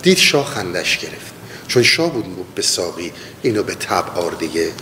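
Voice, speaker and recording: A man teaching mystical poetry, chanting lines slowly and then explaining them in quick casual talk. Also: sing-song, sharp tone. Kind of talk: spoken lesson with slow verse recitation. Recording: long hall reverb, faint rumble.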